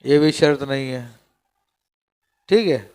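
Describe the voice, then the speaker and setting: A man's voice: medium pitch, darkish tone, clean tone. A man teaching a class on Islamic law, reading Arabic passages aloud and explaining each line, often checking with his students. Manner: reads Arabic text aloud then explains it, often checks "theek hai?". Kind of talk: classroom lecture on a legal text.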